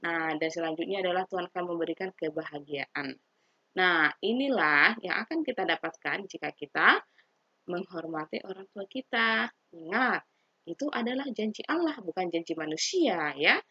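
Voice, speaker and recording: A woman's voice: on the low side, expressive, normal speed, slightly rough, no echo. A woman religion teacher giving a recorded lesson to children, patient and repetitive, often checking in with them. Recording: dry, dull lo-fi sound.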